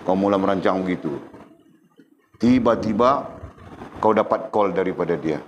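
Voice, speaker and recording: A man's voice: deep voice, moderate pace, lo-fi sound, slight background noise. A middle-aged man, giving a religious lecture in a conversational style and teasing his listeners with questions. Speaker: religious teacher.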